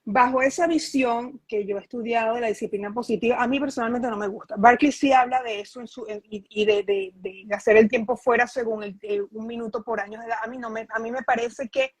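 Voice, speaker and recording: Woman, a touch high and breathy, earnest explainer, close dry sound. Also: no room sound, low-quality recording. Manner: earnest, explanatory, frequent restarts and rhetorical questions. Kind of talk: conversational interview.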